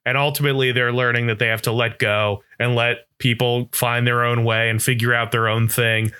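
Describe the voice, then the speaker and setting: A man with a bright, forward tone talks casually as a podcast co-host. He is enthusiastic and rambles a little, restarting his thoughts as he goes. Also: medium pitch, flat delivery, fairly quick, smooth. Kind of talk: casual chat.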